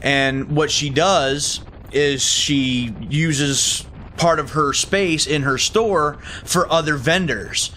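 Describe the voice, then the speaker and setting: A man talking casually inside a motorcycle helmet as a motovlogger, rambling and thinking aloud with halting restarts. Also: on the high side, sharp tone, a little hiss or hum, rough recording. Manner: halting, thinks aloud with repeated false starts. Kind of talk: casual rambling vlog talk.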